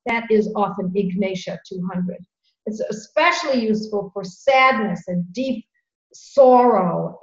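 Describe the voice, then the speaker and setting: A woman practitioner of homeopathy, talking earnestly in a conversational storytelling way, often repeating words. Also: mid-range voice. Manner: earnest, fillers, repeats words when emotional. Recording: echoey room, dull lo-fi sound.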